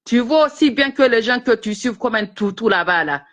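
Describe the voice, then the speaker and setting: A woman's voice: fairly high pitch, animated, moderate pace, fairly bright tone. A woman who is a guest on a live stream, ranting indignantly and hurling insults. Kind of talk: heated live-stream chat.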